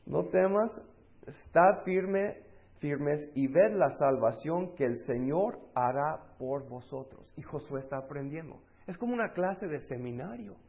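A man preaching a sermon, acting out the voices of the people in his story and moving between loud and hushed delivery. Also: on the high side, vocal fry, dull audio.

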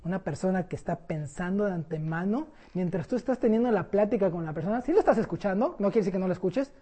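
A woman preaching a sermon in a conversational, animated storytelling way. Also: medium pitch, quick pace, husky.

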